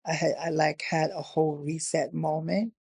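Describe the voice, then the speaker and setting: A woman from Newark, New Jersey tells her story with a gravelly, fry-tinged voice. She pauses and fills gaps as she thinks. The recording is dry and close. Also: low voice, flat delivery, darkish tone, no echo. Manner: reflective, halting, with frequent fillers. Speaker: interview guest. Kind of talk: candid personal storytelling.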